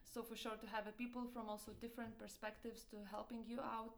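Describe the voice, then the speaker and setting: A young woman from Lithuania with a Lithuanian accent, answering interview questions about her business and often pausing to search for words. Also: a little high, level tone. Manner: hesitant, searching for words, many fillers. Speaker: entrepreneur guest.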